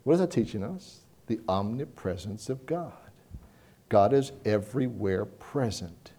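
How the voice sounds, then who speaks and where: A man preaching a sermon, telling Bible stories with animated voices and reading scripture slowly. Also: on the low side, slightly rough. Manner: animated storytelling, acts out Bible characters; slows down to read scripture.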